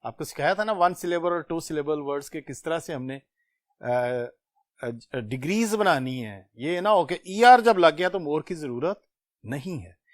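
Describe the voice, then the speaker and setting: A man's voice: a little high, lively intonation, unhurried, dry recording. Male teacher explaining grammar. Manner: explains grammar step by step, asks students questions. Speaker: test-prep English teacher. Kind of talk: exam question walkthrough lesson.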